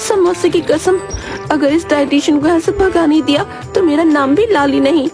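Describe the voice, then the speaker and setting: High-voiced cartoon bride, young and plump, always hungry, whiny, played by a woman, music behind. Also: normal speed. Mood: defiant. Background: background music.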